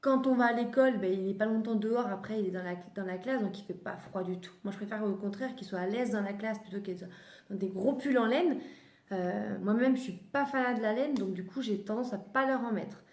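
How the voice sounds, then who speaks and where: A woman's voice: medium pitch, fairly quick, darkish tone. A woman chatting casually through a clothing haul, often stopping to correct herself mid-sentence. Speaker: vlogger showing children's clothes. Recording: echoey room.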